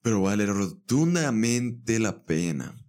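A man's voice: lowish voice, big pitch swings, slow pace, a little mellow. A young man with a Mexican accent talking casually on his own podcast, chatty and playful, acting out little voices. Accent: Mexican Spanish. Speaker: podcast host. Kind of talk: casual solo podcast monologue.

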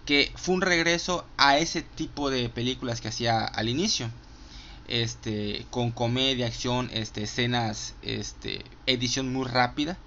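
Casting: Mexican man, casual movie reviewer, crisp bright tone, swears freely, dull lo-fi mic. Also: mid-range voice, steady tone, a little slow, slight background noise. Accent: Mexican Spanish. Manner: profane, enthusiastic, many fillers. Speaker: film reviewer. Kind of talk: casual movie countdown monologue.

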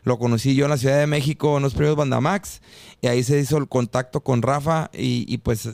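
A man's voice: medium pitch, fairly even intonation, fairly quick, creaky, darkish tone, dry recording, studio quality. A man with a northern Mexican accent, telling anecdotes casually in informal, slangy talk as a podcast guest. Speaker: guest singer.

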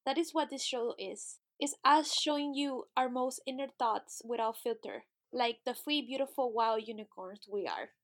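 A woman's voice: on the high side, moderate pace, few pauses. A woman in her late twenties, from Peru and raised in Miami, co-hosting a podcast and reading a scripted introduction in an earnest way. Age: late 20s. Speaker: podcast co-host.

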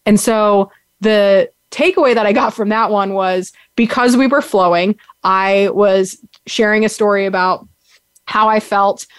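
A podcast host in her young adult years sits on the ground and chats through a casual, upbeat recap, rambling and filling it with "like" and "um." Her mid-range voice is smooth, a little slow and fairly even in intonation, with no echo.

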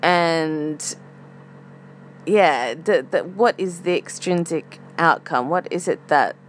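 A woman's voice: deep voice, slow. A woman podcast host thinking aloud in a casual, reflective monologue, with some hesitancy as she feels for words. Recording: faint air conditioner hum. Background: humming air conditioner.

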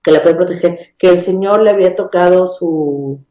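Mexican woman, educator type, mellow tone, conversational explainer, echoey room. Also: lowish voice, normal speed, highs cut off. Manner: explanatory, many restarts and tag questions.

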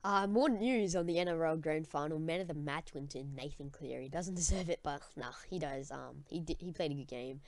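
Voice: mid-range voice, a little fast, hardly any pauses. A young student with an Australian accent hosting a casual sports chat podcast in matey, slangy talk. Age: teenager or young student. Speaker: podcast host.

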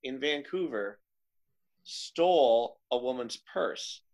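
A man co-hosting a podcast in casual chat, animated and acting out quotes in different voices. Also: mid-range voice, slow pace. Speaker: podcast co-host.

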